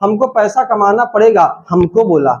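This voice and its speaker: A man teaching a spoken English class, shouting drill phrases and joking with his students. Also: high voice, moderate pace, dull audio.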